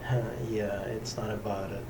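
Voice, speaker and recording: A yoga teacher in middle age, originally a Russian speaker, talks slowly to camera without a script inside a small, hot Brooklyn home ashram. His voice sits on the low side and his speech is halting and filler-heavy, captured from afar amid steady background noise.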